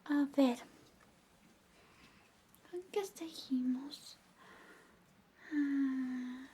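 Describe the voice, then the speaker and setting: In a soft-spoken, partly whispered ASMR roleplay with personal attention, a woman with a high, mellow voice plays an affectionate young best friend who is playfully jealous and in love with the listener. She speaks slowly and softly, drifting in and out of whispers, coy and teasing, with little murmured interjections.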